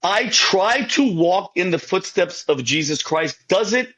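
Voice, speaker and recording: A man's voice: sits high, animated, takes it slowly, fairly bright tone, poor audio. A man giving an emotional faith testimony as a podcast guest, rambling and repeating himself, often calling the host by name.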